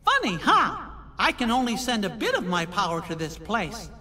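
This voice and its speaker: A man voicing a small, kindly cartoon mouse king in a video game, earnest and encouraging, in a squeaky falsetto. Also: wildly swooping pitch, normal speed, bright, forceful tone, exaggerated voice. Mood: earnest, reassuring. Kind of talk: video game cutscene acting. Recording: long hall reverb.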